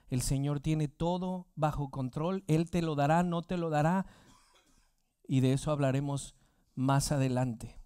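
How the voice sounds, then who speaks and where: A male pastor preaching a sermon and putting rhetorical questions to his congregation. His voice sits fairly high and sounds smooth and resonant. The recording is close and dry. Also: mellow, no room sound.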